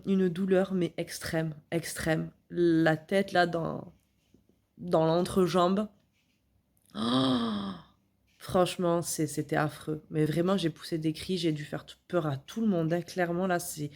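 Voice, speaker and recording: A woman's voice: on the low side, darkish tone. A young woman vlogger casually and dramatically retelling her own birth story, acting out her thoughts.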